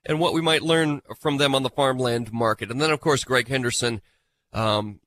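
A man's voice: medium pitch, moderate pace, a bit bright, dry recording. Stuffy-nosed radio host man, chatty. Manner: chatty, self-mocking. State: nasal from a cold. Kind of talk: live farm radio show.

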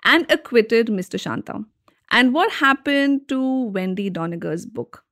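A woman's voice: fairly high pitch, big pitch swings, measured pace, fairly bright tone, dry recording, studio quality. A woman with an Indian accent hosting a podcast, narrating scripted explanations in a conversational way with wry asides and rhetorical questions. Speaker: podcast host.

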